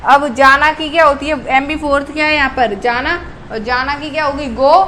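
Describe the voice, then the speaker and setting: A woman's voice: high voice, moderate pace, bright, forceful tone, a little hiss or hum, low-quality recording. A woman teaching an English grammar lesson. She asks questions and answers them herself, and corrects her own slips as she goes. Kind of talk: classroom-style grammar lesson.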